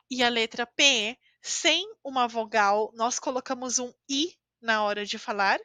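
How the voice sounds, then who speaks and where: A woman's voice: fairly high pitch, pushed and bright, no room sound. A woman with a Brazilian Portuguese accent giving an online language lesson as a teacher. She speaks carefully and repeats example words for her learners. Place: living in Costa Rica.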